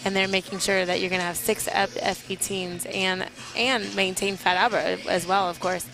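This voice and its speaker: A woman's voice: mid-range voice, little pitch movement, normal speed, creaky, music in the background, low-quality recording. A woman from a military flight team giving live air show commentary as an interview guest, explaining things informally.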